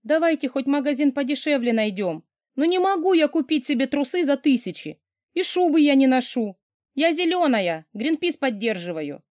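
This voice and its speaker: A woman's voice: sits high, lively intonation, moderate pace, darkish tone, no echo, studio quality, voice pushed up. A woman voicing a flustered young nanny who whines and pleads with her boss. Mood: pleading. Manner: whiny, pleading.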